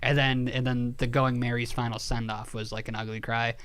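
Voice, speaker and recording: A man co-hosting a podcast in casual chat, telling a story with lively energy, swearing casually and laughing at himself. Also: mid-range voice, fairly quick, clean tone. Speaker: podcast co-host.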